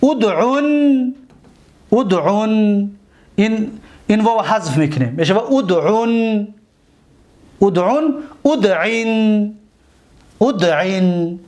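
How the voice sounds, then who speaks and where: High-voiced man teaching grammar. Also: darkish tone. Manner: slow drawn-out recitation of word forms; repeats and asks students if they follow. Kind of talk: Arabic grammar lesson.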